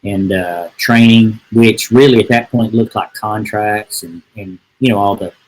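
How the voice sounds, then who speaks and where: A man's voice: fairly low pitch, fairly even intonation, unhurried, darkish tone, poor audio. A middle-aged man, telling a rambling, folksy story as a podcast guest. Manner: folksy, rambling, with many "and, uh" restarts. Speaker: real estate agent, podcast guest. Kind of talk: casual storytelling.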